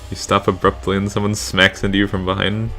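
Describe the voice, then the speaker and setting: A man with a low, monotone, slightly bright voice co-hosts a let's play, reading a visual novel's story text aloud a little fast. He adds dry, wry asides, and faint music plays behind him.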